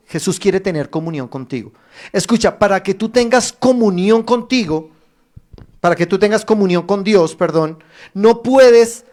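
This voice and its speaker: A man pastor preaching a streamed sermon, addressing viewers directly with emphatic rises and pauses. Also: high-pitched, darkish tone. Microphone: streamed online service.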